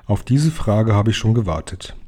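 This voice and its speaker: A calm, loving grandmother in her eighties, read by a man. She speaks slowly and gently in a low, dark, husky voice. It is an audiobook reading for children. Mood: tender. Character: 86-year-old grandmother, calm, loving and wise.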